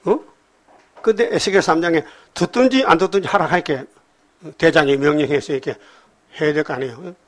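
A man preaching to his congregation, reading scripture aloud and breaking it down in blunt, everyday talk. He keeps prodding his listeners with quick questions. His voice leaps into loud emphatic bursts, then sinks into low murmured remarks. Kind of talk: sermon. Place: church hall with congregation.

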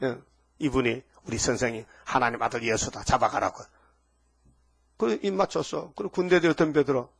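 A man's voice: medium pitch, fairly quick, vocal fry, breathy edge. A male pastor preaching a sermon in a folksy way, often asking the congregation short rhetorical questions.

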